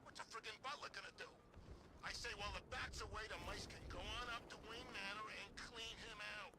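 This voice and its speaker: An actor playing a brash, scheming male gang thug in a video game, talking in cocky, quick banter. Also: sits high, steady tone, close to an everyday voice. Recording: game audio with clear street noise.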